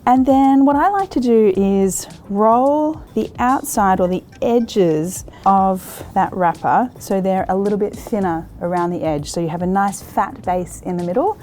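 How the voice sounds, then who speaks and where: In this cooking demonstration, a warm, mid-range female voice belongs to an Australian host in her thirties. She chats her way through each step of the recipe, relaxed and encouraging, with frequent easy laughter.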